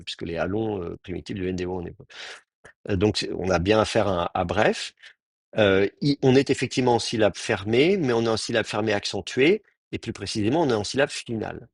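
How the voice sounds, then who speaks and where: A man's voice: on the low side, dry recording, clean studio sound. A man teaching an advanced Hebrew class, explaining grammar step by step with many fillers and restarts.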